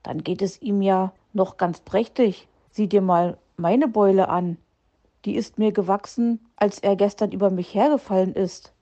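A woman voicing a grumpy, proud male fox gentleman in a storybook reading, grumbling and indignant. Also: medium pitch, measured pace, highs cut off, lightly acted.

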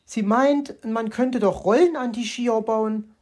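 A woman's voice: fairly high pitch, slow pace, darkish tone. Borstel, an eager little hedgehog boy, read by a woman. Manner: eager, polite.

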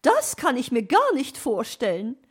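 Storybook magpie lady, put on by a woman reader: high, shrill, loud, slow and chatty, bossy and teasing. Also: wildly swooping pitch, breathy edge, exaggerated voice.

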